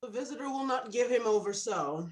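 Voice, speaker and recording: A woman's voice: on the high side, expressive, a little fast, lightly acted. A woman playing a flippant, witty, scheming noble in a Shakespearean drama, tossing out mocking quips. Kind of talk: Shakespearean stage drama performance.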